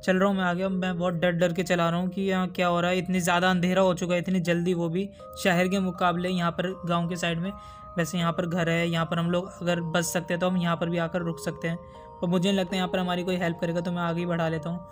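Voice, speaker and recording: Talking fast and addressing his audience directly, this high-voiced gaming YouTuber keeps a level, monotone pitch as he comments on his gameplay. He's chatty, startles easily, and has faint background music behind him.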